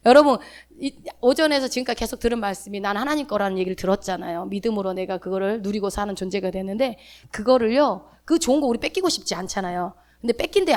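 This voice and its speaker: A woman pastor giving a sermon in a church, talking in a chatty, animated way with homely asides. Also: medium pitch.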